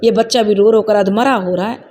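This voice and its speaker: A woman's voice: mid-range voice, steady tone, a little fast, mellow, a little hiss or hum, natural voice. A woman voicing a cold, scheming mother-in-law who speaks in curt, demanding lines.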